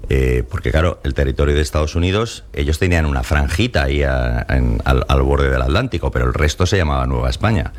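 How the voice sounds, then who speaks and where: Very deep-voiced man telling stories. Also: fast talker, hardly any pauses. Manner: animated storyteller, acts out quoted voices; frequent restarts and fillers. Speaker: author guest. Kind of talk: conversational interview.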